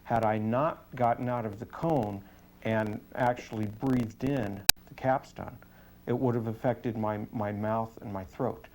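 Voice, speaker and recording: A man speaking as a police sergeant giving a testimonial in an interview, earnest, deliberate and matter-of-fact. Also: on the low side, steady tone, a little mellow, slight background noise, rough recording.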